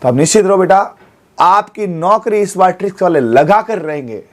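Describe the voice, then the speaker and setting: A man's voice: sits high, lively intonation, normal speed. A man, teaching an exam coaching class in a studio. He keeps checking in with his students as he goes.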